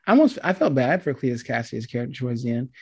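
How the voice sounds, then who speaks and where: A man's voice: medium pitch, sing-song, very fast, slightly rough. A man chatting casually about a film he just saw, hesitant and meandering, with many ums and restarts. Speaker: movie review co-host. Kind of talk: casual chat.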